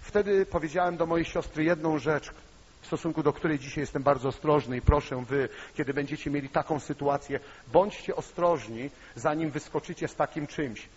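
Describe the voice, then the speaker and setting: A male preacher tells a personal story to his congregation, his somewhat high, husky voice climbing to fervent, loud peaks. The sound is muffled and dull. Long reverb from the church hall trails behind every phrase. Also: steady tone, a little fast. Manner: emotional storytelling, rising to loud impassioned peaks. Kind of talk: sermon with personal testimony.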